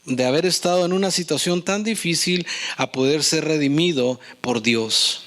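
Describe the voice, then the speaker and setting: A man's voice: fairly high pitch, a bit bright. A man preaching a sermon as pastor, speaking in with an earnest tone and often turning questions to his listeners. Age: adult with young children.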